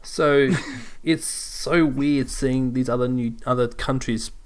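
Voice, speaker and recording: Rambling young podcast bloke. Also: male voice, medium pitch, steady tone, takes it slowly, very noisy. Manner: rambling, many restarts and chuckles. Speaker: podcast co-host. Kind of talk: casual chat.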